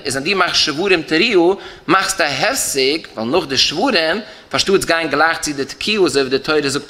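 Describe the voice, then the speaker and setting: Male rabbi, Yiddish accent, lecture chant with rising and falling lines, bright voice. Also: on the high side. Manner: rising and falling chant, stresses key terms, repeats phrases. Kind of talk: Talmudic lecture in a singsong study chant.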